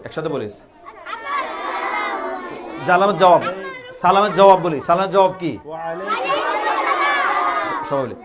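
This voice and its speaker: A high-pitched man leads young schoolchildren through a call-and-response religious lesson. He quizzes and coaxes, repeating every question so the class can answer. A loud crowd of children fills the classroom around him. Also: background noise. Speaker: religious teacher visiting a school. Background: children answering in chorus.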